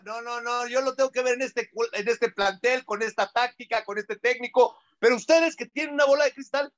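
Male pundit, very high voice, insistent and repetitive, dull lo-fi studio audio. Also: fairly quick, a bit bright. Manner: insistent, repeats phrases. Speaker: sports pundit. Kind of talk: heated studio debate.

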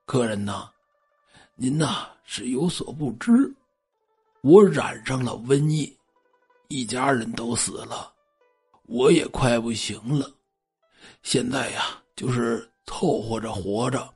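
A man doing a gaunt plague victim near death, whispery weak voice, husky, slow and pleading, in a spooky audio story. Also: mid-range voice, faint music behind, exaggerated voice. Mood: feeble. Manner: faint, breathless, pleading. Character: dying plague-stricken man, gaunt and feeble.

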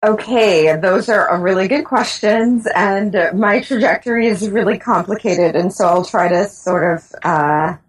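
A woman's voice: mid-range voice, a little slow, few pauses, slightly rough, rough recording. A woman from the Bahamas, a guest scholar answering interview questions thoughtfully and often restarting her sentences. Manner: thoughtful, restarts sentences while searching for words.

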